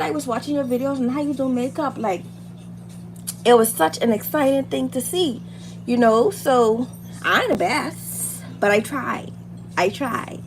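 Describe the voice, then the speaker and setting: A higher-voiced Bahamian woman, a beauty and hair content creator, hosts a livestream where she chats casually and motivationally while doing makeup, like girl talk. She is informal and encouraging, repeating phrases for emphasis, over loud background noise.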